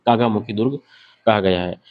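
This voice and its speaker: A man's voice: lowish voice, moderate pace, narrow, tinny audio. A man giving an exam-prep lecture, asking questions and answering them himself while he sketches on a board. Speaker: teacher.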